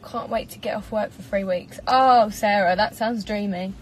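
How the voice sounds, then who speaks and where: English woman in her twenties, bubbly live-stream chat from her car, mid pitch, faint hiss. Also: normal speed, low-quality recording. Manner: chatty, bubbly, giggly. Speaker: singer doing a live stream. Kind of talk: casual live-stream chat reading comments. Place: parked car. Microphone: phone propped up in front.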